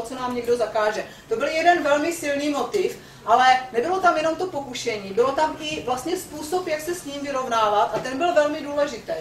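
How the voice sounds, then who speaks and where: A woman's voice: high-pitched, a little hiss or hum. Woman lecturer in an echoey hall. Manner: reads dramatically, then asks the audience questions. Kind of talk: storytelling reading and lecture. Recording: echoey hall from far off, faint ambience.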